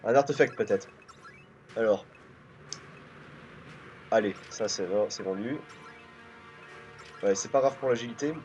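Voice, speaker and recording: A man's voice: fairly low pitch, a little slow, pauses often, a little mellow, soft background music. A man from France commenting casually on his gameplay, thinking aloud with many hesitations. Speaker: let's play host. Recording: dull lo-fi recording.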